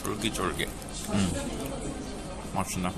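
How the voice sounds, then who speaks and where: A low-voiced man, talking while chewing in a restaurant. He savors each bite with short murmured remarks for his vlog. Loud music plays over everything behind him. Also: fairly even intonation, unhurried, gravelly. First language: English. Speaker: travel vlogger. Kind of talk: casual mukbang vlog.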